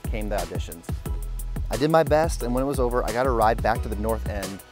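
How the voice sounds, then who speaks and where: A man in his thirties with a fairly low voice talks fast while hosting a family vlog outdoors in a park. His narration is upbeat and earnest, with a music bed playing behind him.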